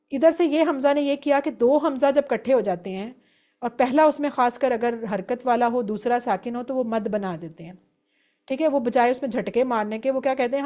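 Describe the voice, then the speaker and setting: A woman's voice: a little high, mellow. A woman teaching an Arabic grammar lesson, explaining step by step and reciting verb forms aloud.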